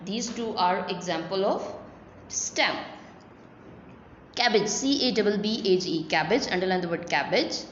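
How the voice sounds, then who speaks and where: Slow, patient woman teacher, echoey room. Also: mid-range voice, animated. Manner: slow, spelling words letter by letter. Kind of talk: recorded online lesson for young children. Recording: dull, roomy recording with faint hum.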